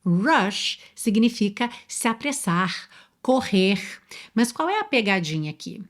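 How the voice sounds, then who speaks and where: A Brazilian woman teaching English in a patient, clear voice, pitched at an ordinary middle height. She slows right down to spell words out and often turns to the listener with a question. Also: big pitch swings. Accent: Brazilian Portuguese. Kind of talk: online English lesson.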